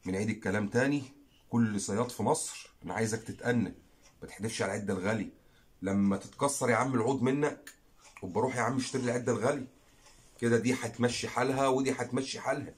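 A man's voice: mid-range voice, fast talker. A man with an Egyptian Arabic accent, hosting a fishing channel and making an earnest, pleading direct-to-camera appeal, repeating phrases for emphasis.

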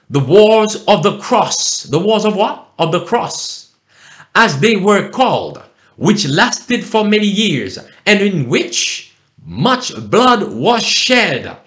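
A male preacher delivers a sermon in a high, lively voice that swoops up and down. He speaks slowly and stretches words out for emphasis as he reads scripture. The recording has a roomy echo. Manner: emphatic, drawn-out preaching cadence.

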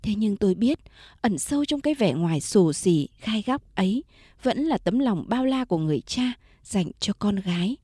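A woman storyteller reading a first-person country story in a calm, measured way. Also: medium pitch, slightly rough, no room sound, clean studio sound. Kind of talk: first-person scripted narration of a late-night story.

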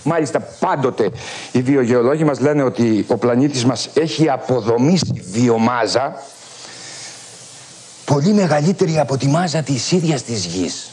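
A middle-aged man, a philosophy professor, delivering a lecture in an animated, emphatic storytelling manner, with a husky voice. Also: medium pitch. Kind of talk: university-style lecture. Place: lecture hall at a military school.

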